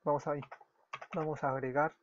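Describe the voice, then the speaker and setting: A man's voice: on the high side, flat delivery, normal speed. Peruvian man, dull lo-fi coding tutorial. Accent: Peruvian Spanish. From Peru. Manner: explains step by step, self-correcting, often apologizing. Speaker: web development tutor. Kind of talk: screen-recorded coding tutorial. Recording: dull lo-fi recording with keyboard typing.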